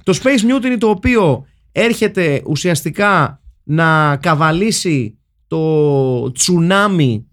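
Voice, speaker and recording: A man's voice: a little high, lively intonation, fairly bright tone. A man hosting a casual, jokey film podcast in a theatrical tone. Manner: jokey, theatrical, mixes in English phrases. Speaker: podcast host. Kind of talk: casual comedic film chat.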